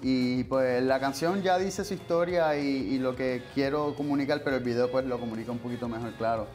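A man in his twenties from Puerto Rico with a Puerto Rican accent, a musician guest talking in a relaxed, hesitant way with many fillers. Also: medium pitch, fairly quick, faint music behind. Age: 20s. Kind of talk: casual interview. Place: TV studio set.

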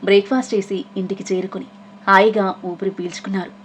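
A woman narrating a story, voicing every character in a soft reading manner. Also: medium pitch, little pitch movement, fast talker, slight background noise.

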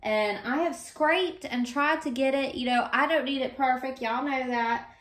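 A woman's voice: high voice, a little slow, a bit bright. Worried woman thinking aloud. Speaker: home renovation vlogger. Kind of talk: casual vlog narration. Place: house under renovation.

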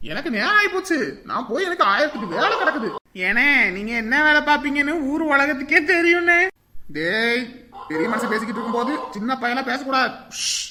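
A man's voice: extremely high pitch, lively intonation, brisk, noisy background. A performer playing a brusque, joking village man who is in a hurry to leave, in a family drama.

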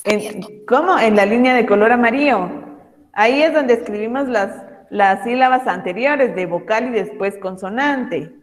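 Primary teacher, woman, online class; affectionate, slow, emphatic; a touch high; reverberant room. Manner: patient, slow and emphatic when reading words aloud; affectionate toward pupils. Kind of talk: online class for young children. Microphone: video call.

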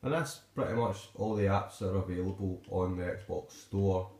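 A low-pitched man with a Scottish accent speaks at a moderate pace, his tone darkish, in an echoey living room at home. He's an amateur gadget reviewer giving a casual, unscripted, hesitant and rambling review, filmed on a handheld phone camera.

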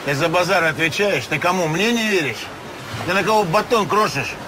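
A man's voice: high voice, normal speed, close to an everyday voice. A man in his fifties playing a brash, bullying fixer in a film, talking aggressive Russian prison slang. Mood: menacing, indignant. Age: 50s. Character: brash, balding middle-aged shady fixer, bullying. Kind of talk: film acting, streetwise confrontation. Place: outdoors by the sea. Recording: noisy outdoor seafront film sound.

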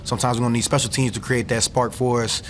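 A man's voice: mid-range voice, little pitch movement, fast talker, a little hiss or hum. A young man, a defensive football player, answering questions casually at a post-game press conference, full of "you know.". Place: press room, seated at table. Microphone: table mic.

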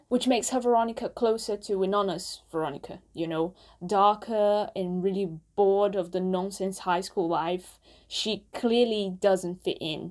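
A young woman doing casual reaction commentary for her channel, playful and self-mocking, with quick asides. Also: mid-range voice, darkish tone. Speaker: musical reaction vlogger.

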